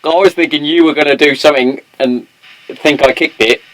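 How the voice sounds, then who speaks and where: A man's voice: on the high side, a little fast, noisy background. A British man hosting a podcast, chatting casually in a matey, sweary, slangy way. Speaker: podcast host. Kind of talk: casual chat.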